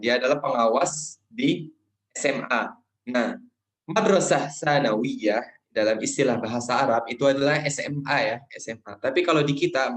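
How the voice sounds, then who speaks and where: A man's voice: medium pitch, low-quality recording. A man teaching an Arabic lesson to a group online, explaining casually and thinking aloud with fillers.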